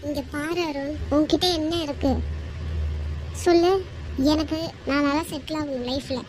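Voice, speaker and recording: Someone voicing a high-voiced young woman breaking up. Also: steady tone, moderate pace, a little hiss or hum, natural voice, low-quality recording. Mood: cold. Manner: cold, curt, decisive. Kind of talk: amateur cartoon voice acting.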